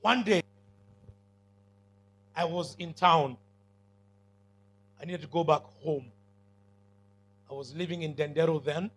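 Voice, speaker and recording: This Kenyan-accented preacher addresses students in a slightly high, fairly bright voice with a breathy edge. He takes his time and pauses often, speaking in a big, commanding, emphatic manner and regularly calling out to ask whether his listeners follow.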